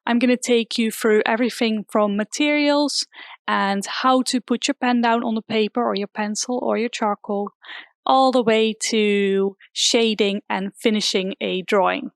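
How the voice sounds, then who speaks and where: Woman art teacher from the Netherlands; slightly high, gravelly voice; dry close sound; practical step-by-step lesson. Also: steady tone, measured pace, no room sound. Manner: practical, explains step by step with fillers. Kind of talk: drawing lesson demonstration. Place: hairdresser's salon used as temporary studio.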